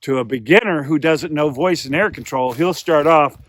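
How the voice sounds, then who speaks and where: A man's voice: a little high, moderate pace, a bit bright, a little hiss or hum. A man giving a hands-on beginner tutorial as a calling instructor, explaining patiently and repeating himself as he demonstrates.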